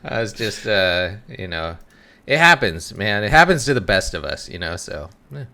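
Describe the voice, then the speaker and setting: Male podcast co-host, bright tone, lively pitch, giggly. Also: normal speed, vocal fry. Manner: giggly, jokey. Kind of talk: casual podcast chat.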